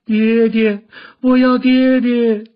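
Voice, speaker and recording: A man voicing a grief-stricken teenage girl who wails loudly. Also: very high-pitched, little pitch movement, slow, pitched above the performer's own voice. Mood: wailing. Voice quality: wailing. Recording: dull lo-fi audiobook recording.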